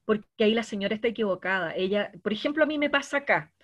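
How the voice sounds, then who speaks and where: A woman's voice: mid-range voice, animated, quick pace, a bit bright, dull audio. A woman leads a hotel service training. She explains things to the participants in a direct, engaged way. Her voice sits in the middle of the range. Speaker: hospitality trainer. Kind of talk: online training workshop.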